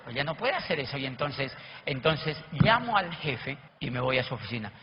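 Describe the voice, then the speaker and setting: A man, a network marketing speaker, telling animated seminar stories and acting out the people he quotes. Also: mid-range voice, moderate pace. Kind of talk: motivational seminar storytelling. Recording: echoey hall, dull lo-fi, faint noise.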